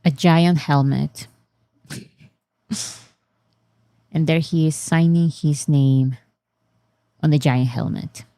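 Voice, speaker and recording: Low-voiced woman reacting casually. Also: fairly even intonation, slow, long pauses, warm tone, dry recording. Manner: chatty, thinks aloud, reads chat comments and answers them. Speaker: reaction channel host.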